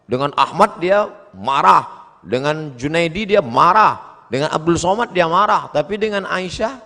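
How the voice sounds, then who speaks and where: A man's voice: on the high side, lively intonation, unhurried, vocal fry, pushed and bright. A man in his forties preaching a humorous question-and-answer sermon, storytelling and acting out quoted exchanges. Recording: long hall reverb.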